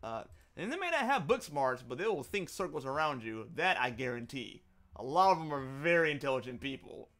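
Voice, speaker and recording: A man's voice: medium pitch, big pitch swings, a little fast, a bit bright. Rambling, chuckling man. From Kentucky, USA. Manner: rambling, chuckling, many ums and asides. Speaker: live streamer. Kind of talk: casual live-stream commentary while playing.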